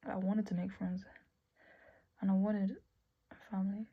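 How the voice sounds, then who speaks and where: A young woman talking candidly to camera at her desk, soft and halting, often dropping to a whisper. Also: mid-range voice, level tone, breathy edge, phone-quality sound. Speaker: vlogger. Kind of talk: candid personal talk to camera. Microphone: earbud mic.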